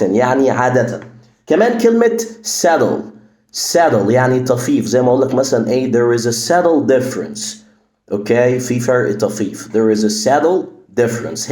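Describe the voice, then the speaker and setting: An Egyptian Arabic-accented man teaches English words and says each one several times, slowly and clearly. His pitch moves up and down a lot. The voice rings in a roomy, echoing space. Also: mellow. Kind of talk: English pronunciation lesson. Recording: echoey room.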